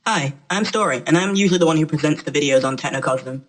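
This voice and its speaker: A man's voice: a little high, fast talker, pitched above the performer's own voice, low-quality recording. A man doing Story, a little voice-changed mascot. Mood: chatty. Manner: chatty, rambling, self-correcting. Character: little male mascot presenter character. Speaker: channel presenter. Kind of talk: casual talk to camera.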